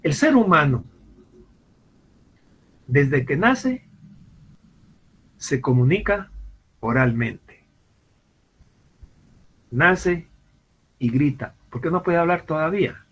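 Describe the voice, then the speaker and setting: Husky-voiced man lecturing on law. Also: a little high, expressive, slow, pauses often, a bit bright, poor audio. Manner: repeats and restarts words while explaining, acts out little scenes in quoted voices. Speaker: law professor. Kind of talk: university lecture. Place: classroom or online class.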